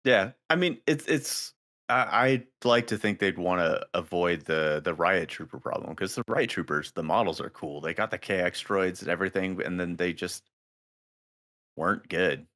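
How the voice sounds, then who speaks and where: A man with a very low voice, co-hosting a laid-back hobby podcast. He talks hesitantly and often repeats words before he settles on a thought. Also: normal speed, a bit bright. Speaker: podcast co-host. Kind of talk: casual hobby podcast chat.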